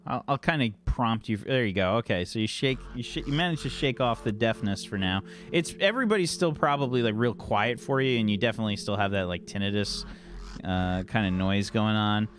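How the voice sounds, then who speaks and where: Casual, halting male game master, lowish voice. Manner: casual, halting, searching for words. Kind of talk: improvised tabletop game narration.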